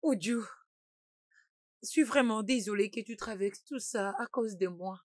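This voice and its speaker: A woman's voice: medium pitch, a little slow, no echo, clean studio sound, lightly acted. An actress dubbing a young woman who is upset and pleading. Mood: distressed. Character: distressed young woman betrayed by her lover. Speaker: young woman in a troubled love affair. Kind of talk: French dub of a film.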